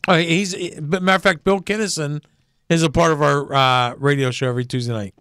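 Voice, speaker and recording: A man's voice: on the high side, fairly even intonation, brisk, fairly bright tone, clear, resonant tone, no echo, studio quality. A man with a Pittsburgh accent hosting a talk radio show, brash and profane, joking in casual chat.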